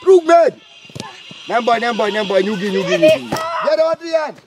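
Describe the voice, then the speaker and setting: A man coaching youth football from the sideline, shouting short urgent instructions and player names outdoors. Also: extremely high pitch, very animated. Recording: crowd noise from an outdoor match.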